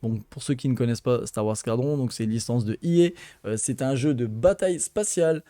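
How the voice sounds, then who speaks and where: A man's voice: medium pitch, a little fast, warm tone, no echo. A man presenting gaming news in a casual, chatty way, often hesitating with fillers and calling his viewers friends.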